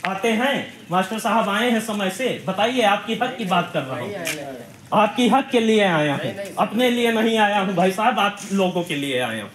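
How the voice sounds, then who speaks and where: A man, a social activist, reporting indignantly and emphatically while walking around a village primary school, speaking loudly to the camera. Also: high voice, animated, normal speed, echoey room, a crowd in the background. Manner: indignant, emphatic, loud denunciation. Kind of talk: on-the-spot investigative video report.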